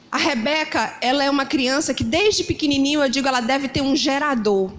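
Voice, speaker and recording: A middle-aged woman pastor with a Brazilian Portuguese accent from Ceará, preaching a sermon and acting out scenes of parents shouting. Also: high voice, slight background noise.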